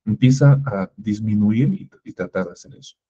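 A man's voice: fairly low pitch, moderate pace, dark tone, husky. A man teaching an entrepreneurship workshop, asking rhetorical questions and acting out little everyday dialogues. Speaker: workshop instructor. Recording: muffled lo-fi recording.

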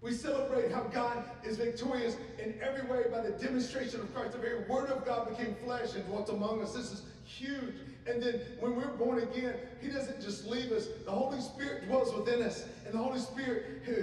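A man's voice: extremely high pitch, fairly even intonation, a little fast, few pauses, darkish tone, a little hiss or hum. A middle-aged man preaching a sermon at a church pulpit, talking conversationally and asking the congregation questions. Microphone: handheld microphone. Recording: echoey church hall from a distance.

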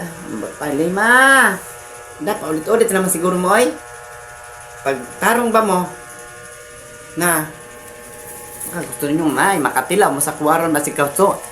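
A woman vlogger, chatting casually and teasingly while giving shout-outs to viewers. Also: lowish voice, a little hiss or hum. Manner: chatty, teasing, giggly asides.

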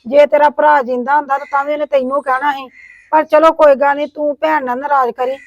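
A woman's voice: sits high, level tone, fast talker, no echo, highs cut off. A middle-aged woman acting a complaining widowed sister-in-law in a village family drama. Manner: complaining, scolding tone.

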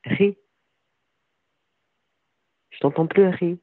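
A man's voice: high-pitched, slow pace. A man in his twenties, a caller in a casual phone chat, cheeky and playfully stubborn. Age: 20s. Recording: tinny phone line.

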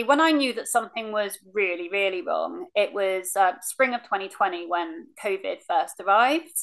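In a low-quality recording, a woman with a medium-pitched, slightly bright voice casually recounts her cancer story during a remote interview. She sits on a sofa in her living room talking into a video call webcam, speaking frankly with plenty of ums and acting out things people said.

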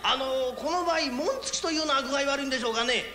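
A man voicing a timid, slow-witted tenant who talks in a meek, hesitant, overly formal way. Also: very high voice, sharp tone, roomy sound, in a large hall, a little hiss or hum, voice pushed up.

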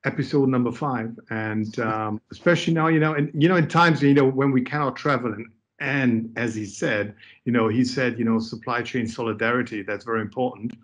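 A man hosting a video call interview, asking his guests questions in a hesitant way with many "you knows." His voice sits at a middle pitch. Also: a little fast, muffled recording. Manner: hesitant, heavy use of "you know". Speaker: host.

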